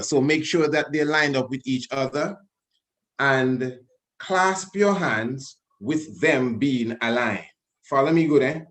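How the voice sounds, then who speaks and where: A man speaking on a video-call webinar, leading the audience through an exercise in an animated, commanding way and repeating himself for emphasis. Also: medium pitch. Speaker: webinar panelist.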